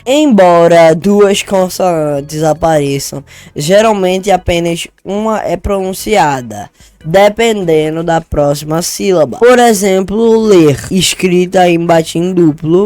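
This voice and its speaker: A man, a vlogger chatting casually about a language lesson, joking and swearing in quick asides. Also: high voice, darkish tone, clear, resonant tone, no echo. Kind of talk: casual chat. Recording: dry close voice, faint music.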